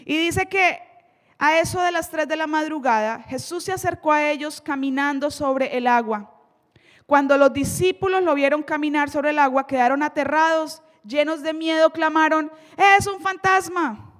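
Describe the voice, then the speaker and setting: A woman's voice: sits high, in a large hall. A woman preacher with a Colombian accent giving an emphatic sermon, dramatically retelling scripture in a church. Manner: emphatic, dramatic storytelling, slows for key lines.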